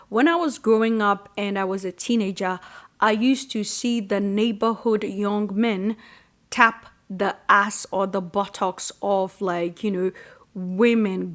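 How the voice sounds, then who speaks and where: A woman hosts her own solo commentary show. She speaks as a sociologist, measured and emphatic, leaning into her points. Her voice sits at an everyday middle pitch. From Ghana. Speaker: sociologist and podcast host.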